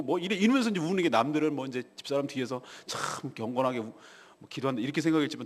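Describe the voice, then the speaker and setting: A male pastor delivers a morning sermon in a confessional, storytelling way. His voice is a little high and swings widely, from hushed murmurs to loud outbursts. The church hall adds a long, ringing reverb. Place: church sanctuary.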